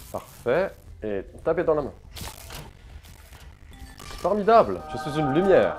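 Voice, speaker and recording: A man's voice: mid-range voice, darkish tone, slight background noise. A man playing a horror game in let's play commentary, talking in a pompous mock-aristocratic manner with old-fashioned wording and jokey asides to viewers. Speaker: gaming YouTuber.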